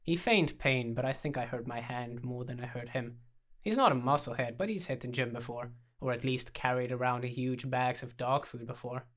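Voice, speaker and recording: Man, storybook narration, calm, measured, mid pitch. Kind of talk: storybook reading.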